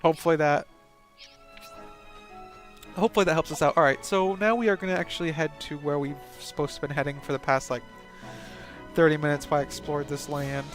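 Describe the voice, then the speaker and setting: A man's voice: a little high, steady tone, a little fast, long pauses, soft background music. A man hosting a let's play with casual, joking commentary and a stuffy nose, reading game dialogue aloud.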